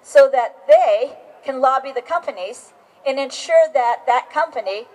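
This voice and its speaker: A woman's voice: high voice, poor audio. A middle-aged woman giving an emphatic political speech outdoors at a rally, often restarting her sentences. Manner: emphatic, insistent, with many restarts. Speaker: rally speaker. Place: outdoors on capitol steps.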